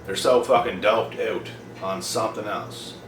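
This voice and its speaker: A young man talks bluntly to the camera, swearing freely and hammering his points home by repeating them. His voice sits low. It reaches the mic from a distance in a roomy space with clear background noise. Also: unhurried, soft background music. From Prince Edward Island, Canada. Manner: blunt, profane, emphatic repetition. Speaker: vlogger. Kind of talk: casual monologue to camera.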